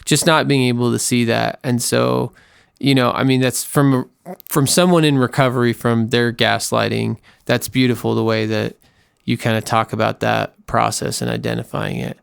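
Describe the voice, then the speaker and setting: A man's voice: medium pitch, fairly even intonation, moderate pace, creaky, smooth, no room sound, clean studio sound. A man hosting a podcast, talking candidly and animatedly in a casual chat. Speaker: podcast host.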